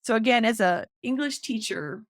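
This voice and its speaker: A middle-aged woman, a guest author and counselor, explaining with excited emphasis in a podcast interview. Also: a little high, moderate pace, dry recording, studio quality.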